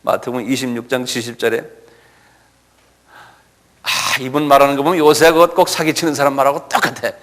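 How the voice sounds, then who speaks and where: A man's voice: mid-range voice, steady tone, brisk, pauses often, fairly bright tone, long reverb tail. A male pastor preaching an expository sermon, retelling scenes animatedly with rhetorical asides.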